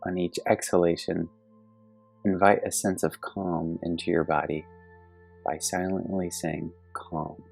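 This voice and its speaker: Soft meditation music and singing bowl tones accompany a man leading a meditation. His voice is very low and a little creaky, his manner calm and gentle, and he delivers measured instructions separated by long pauses.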